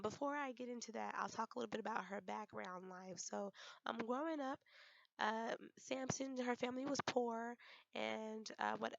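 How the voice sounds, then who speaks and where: A young woman, hoarse from a cold, giving a class presentation with frequent ums and restarts. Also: fairly high pitch, no room sound, highs cut off. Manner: halting, many ums and restarts. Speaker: student presenter.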